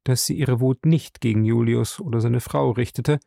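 Gravelly man reading a story aloud. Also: medium pitch, moderate pace, dry recording, studio quality. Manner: expressive, lively storytelling. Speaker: narrator. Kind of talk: audiobook reading.

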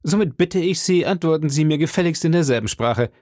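A man's voice: a little high, big pitch swings, fairly quick, a little mellow, no echo, clean studio sound, voice pushed up. A man voicing a young, hot-headed male swordsman who speaks in a raised, courtly but challenging manner, from a storybook reading. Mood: defiant gallant.

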